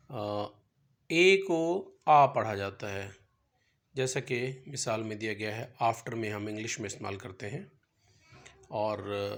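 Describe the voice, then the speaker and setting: A man's voice: medium pitch, a bit bright. A man teaching a beginner language lesson, patiently spelling out each letter's sound one by one. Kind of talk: slow instructional explanation.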